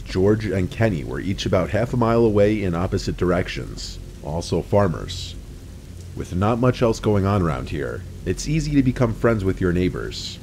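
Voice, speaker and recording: A man narrating a first-person horror story in a low, hushed storytelling delivery. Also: a little hiss or hum. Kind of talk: scripted narration. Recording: faint music behind the voice.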